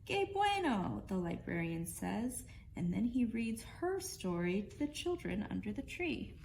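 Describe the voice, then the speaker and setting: Slow, gravelly-voiced woman librarian at storytime. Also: mid-range voice, lively intonation, a little hiss or hum. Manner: slow, gentle, playful storyteller voice, leads sing-along games. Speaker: children's librarian. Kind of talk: storytime read-aloud for young children.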